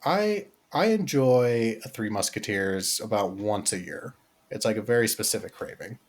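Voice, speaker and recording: A man's voice: lowish voice, expressive, normal speed. A man co-hosting a podcast in casual, crude banter, full of fillers and jokes. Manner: crude, joking, many fillers. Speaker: podcast co-host.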